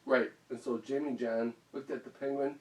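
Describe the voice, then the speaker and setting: A man's voice: mid-range voice, steady tone, normal speed. A father improvising a playful, rambling bedtime story at home, often laughing as he goes. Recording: roomy echo, mic far off, faint hiss.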